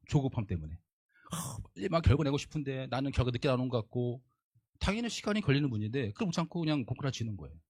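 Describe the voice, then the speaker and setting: A man's voice: mid-range voice, dry recording, clean studio sound. A man giving a motivational leadership lecture in an emphatic style, repeating his points and asking his audience rhetorical questions.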